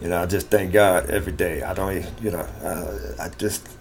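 Now the middle-aged American vlogger's voice sits low, with fairly even intonation and a brisk pace. His talk is still unscripted and rambling, peppered with folksy slang and repetition, and the background ambience is clearly noisy.

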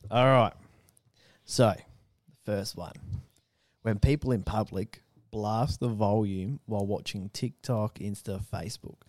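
Brash co-host, dark, warm tone, dry close recording, swears freely. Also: male voice, lowish voice, a little slow, no echo. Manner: loud, swearing, laughs often. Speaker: podcast co-host. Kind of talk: crude casual banter. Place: house.

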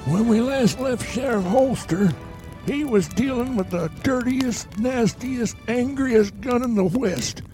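A man's voice: very high-pitched, animated, takes it slowly, over music, heavily acted, rough recording. A man voicing an old prospector who narrates a Western tale in a folksy drawl.

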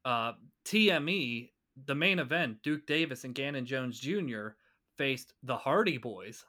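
A man chats on a podcast, his voice bright and forward. His pitch swings widely as he talks. He swears freely and boasts about what he knows. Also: a little slow. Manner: animated, swearing, boastful wrestling trivia. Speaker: podcast co-host. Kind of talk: casual chat.

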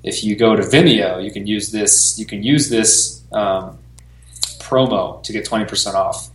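Man, fairly low voice, hollow metal-tank sound, echoey tiled room, laid-back podcast co-host. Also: steady tone, moderate pace. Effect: hollow, like inside a metal tank. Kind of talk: casual chat. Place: home room with tiled reflective walls.

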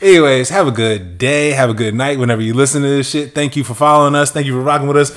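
A man's voice: medium pitch, fast talker, very noisy. Man, casual slangy podcast talk. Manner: slangy, joking, swearing freely. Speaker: podcast co-host. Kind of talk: casual chat.

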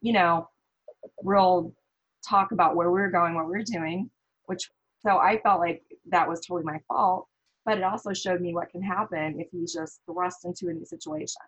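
A woman from the American Midwest talks as a guest in a casual conversation, telling stories and acting out her own thoughts. Her voice is lowish and husky. The audio is dull and lo-fi. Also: moderate pace. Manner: animated storytelling with quoted thoughts. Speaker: podcast guest.

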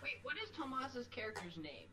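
A woman's voice: a little high, big pitch swings, moderate pace, sharp tone, a little hiss or hum. A woman casually running a tabletop role-playing game as game master.

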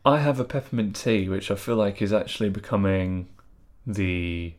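A man's voice: on the low side, fairly even intonation, normal speed. A man co-hosting a podcast in casual chat, joking and laughing easily at himself. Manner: chatty, laughs easily, self-deprecating. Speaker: podcast co-host.

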